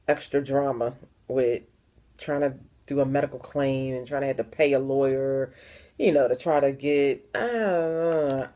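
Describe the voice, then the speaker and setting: Low-voiced woman speaking frankly. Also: warm tone. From Philadelphia area. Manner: frank and emphatic, with repeated words. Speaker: vlogger. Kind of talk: personal vlog.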